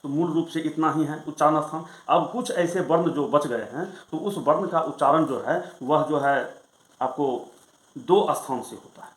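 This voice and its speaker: A male Sanskrit grammar teacher explaining rules in a lesson, reciting them slowly and then asking and answering his own questions. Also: on the high side, roomy sound, rough recording. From Bihar, India.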